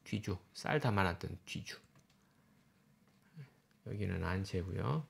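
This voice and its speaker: A male university professor lectures to a class, going through slides and pointing things out with brief explanatory remarks. His voice sits low and is animated, with a slow pace and vocal fry, plus a little hiss or hum.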